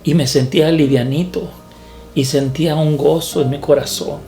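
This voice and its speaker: A man, a preacher, telling his testimony in a sermon in an earnest, halting way that repeats words. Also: fairly high pitch, steady tone, creaky, dark tone, faint music behind.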